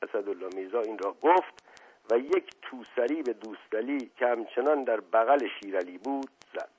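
A man reading a novel aloud as narrator in a steady, measured storytelling manner. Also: mid-range voice, slightly rough. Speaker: audiobook narrator. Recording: tinny phone-like audio.

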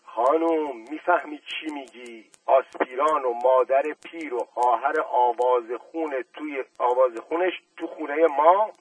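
A man's voice: mid-range voice, hardly any pauses, breathy edge, no echo, distant mic, close to an everyday voice, low-quality recording. A man voicing an irritable, hot-tempered middle-aged man who snaps angrily, in a storybook reading. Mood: angry. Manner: angry, snapping.

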